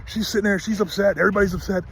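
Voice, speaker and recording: A man's voice: high-pitched, steady tone, rapid-fire, vocal fry, slight background noise. A middle-aged man retelling a story about his horse in a casual vlog, earnest and emphatic, often restarting his sentences. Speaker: horse owner vlogger.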